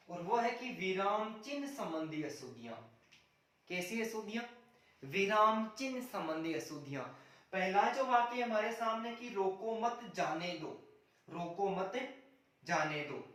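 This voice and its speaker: A man teaching a grammar lesson for exams. He asks questions and answers them himself, and keeps calling his viewers "friends". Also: high-pitched. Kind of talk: exam-prep grammar lesson. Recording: very echoey room, voice far from the mic.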